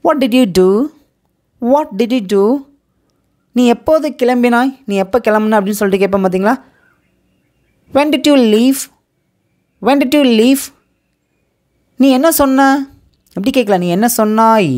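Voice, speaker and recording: A woman with a Tamil accent teaching a spoken English lesson, saying each question twice with careful, drawn-out repeats and quicker asides between them. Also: on the high side, a little mellow. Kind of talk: slow repeat-after-me language lesson.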